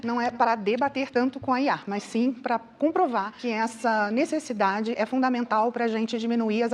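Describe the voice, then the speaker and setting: A woman's voice: fairly high pitch, slight background noise. Formal woman in her fifties, technical. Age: 50s. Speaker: public policy specialist and auditor. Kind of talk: formal debate statement.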